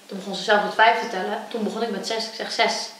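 A woman's voice: mid-range voice, fast, far from the mic. A young woman recounts her life as a fighter in an interview, throwing herself into the voices of the people she quotes. She sits back from the microphone in a very echoey room, with faint hiss beneath her voice. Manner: animated storytelling, acting out quoted voices. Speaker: kickboxer. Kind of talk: personal interview storytelling.

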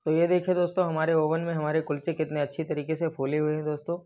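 Young male baking-channel host, flat steady instructional delivery, dull lo-fi sound. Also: a little high, quick pace. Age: young adult. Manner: addresses viewers as friends constantly, step-by-step instructions. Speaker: baker and cooking channel host. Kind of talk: cooking tutorial voice-over. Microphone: lapel mic.

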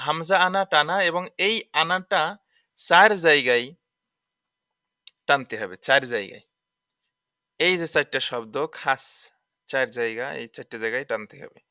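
A man with a mid-range, sharp, clear and resonant voice gives a tajweed lesson in Quran recitation, recorded in a clean studio with no room sound. He spells out the letters and vowel marks one at a time, patiently repeating each rule.

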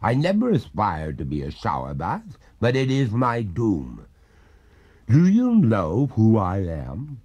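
A man voicing a haughty female water ghost, two hundred years dead, speaking in a slow, gurgling, reproachful way. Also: on the low side, wildly swooping pitch, darkish tone, husky, dull audio, full character voice. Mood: indignant. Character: haughty drowned maiden ghost, two centuries old.

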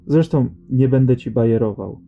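A man's voice: medium pitch, moderate pace, vocal fry, natural voice. A man voicing a seasoned male rat-hunter who speaks in dry, matter-of-fact banter, in an audiobook reading. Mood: musing. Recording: slightly dull audio with faint music.

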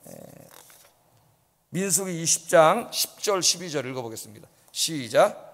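Male pastor, high voice, emphatic sermon delivery, long church reverb. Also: expressive, measured pace, fairly bright tone. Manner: emphatic preaching, rhetorical questions to the congregation. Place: church sanctuary.

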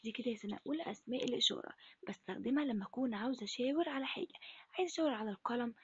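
A woman teaching Arabic to first graders in an Egyptian accent, asking questions and answering them herself in a breathy, half-whispered voice. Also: on the high side, lively intonation, racing, dull audio, slight background noise. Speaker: primary school Arabic teacher. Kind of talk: recorded lesson for first graders.

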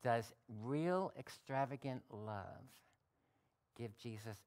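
A male pastor giving a sermon, reading scripture aloud and adding relaxed, folksy asides. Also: medium pitch, slow pace, clear, resonant tone. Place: church.

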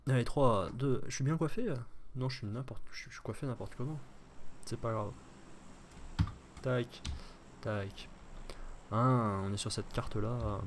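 A man's voice: mid-range voice, a little slow, pauses often, slight background noise. Joking Frenchman rambling over his gameplay. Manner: rambling, joking, thinking aloud. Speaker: gaming streamer. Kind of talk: casual gameplay commentary.

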